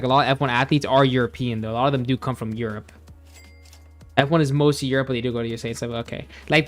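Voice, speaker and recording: A young man streaming a game, chatting casually with viewers in a rambling, laid-back way, full of fillers and restarts. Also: mid-range voice. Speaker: gaming streamer. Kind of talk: casual chat while gaming, reading chat.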